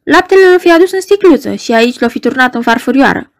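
A woman reading aloud, voicing a calm housekeeper who speaks in a soothing, convinced way. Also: high-pitched. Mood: sure. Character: calm, sure middle-aged female housekeeper.

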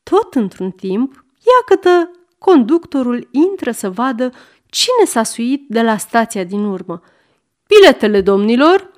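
A woman reading a story aloud with lively, expressive narration. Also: a little high. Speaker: reader.

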